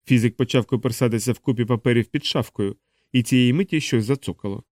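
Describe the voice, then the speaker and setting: Mellow-voiced man reading an audiobook. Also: medium pitch, dry recording, studio quality. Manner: measured, steady reading. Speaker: audiobook narrator. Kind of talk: scripted audiobook narration.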